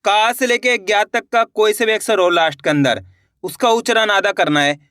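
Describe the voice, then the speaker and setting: Bright high-voiced man teaching reading. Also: no room sound, clean studio sound. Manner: patient, repetitive, sounds out syllables slowly. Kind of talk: online lesson.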